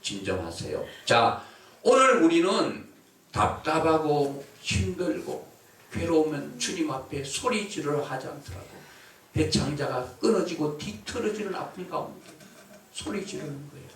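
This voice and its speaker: A man preaching a sermon as pastor, calling out to the congregation and shouting out his examples. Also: on the high side, big pitch swings, measured pace. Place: church or prayer house hall. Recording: echoey hall, voice from far off mic.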